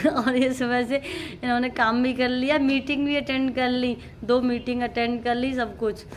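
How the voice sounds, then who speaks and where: A woman with a fairly high voice narrates her day in a casual family vlog, talking straight to her viewers. She films on a handheld phone around her home, with faint household noise behind her. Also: fairly even intonation, unhurried. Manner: chatty, talks straight to viewers. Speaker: vlogger mother. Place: at home, later on the rooftop. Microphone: handheld phone camera.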